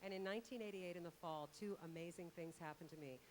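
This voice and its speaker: A woman's voice: lowish voice, quick pace, a little mellow, a little hiss or hum. A middle-aged woman, a radio host, emceeing from an outdoor concert stage into a handheld mic, chatty and full of thank-yous.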